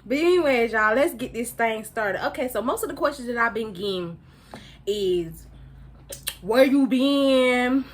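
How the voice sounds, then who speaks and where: A woman's voice: a little high, expressive, normal speed. A young woman chatting casually in a vlog while eating, mumbling through her food and talking into her phone's front camera. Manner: talks while chewing, mumbling. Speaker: YouTuber.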